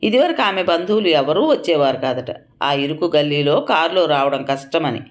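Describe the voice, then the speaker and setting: Low-voiced woman reading a story. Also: lively intonation, fairly quick. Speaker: narrator. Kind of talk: scripted audio story narration.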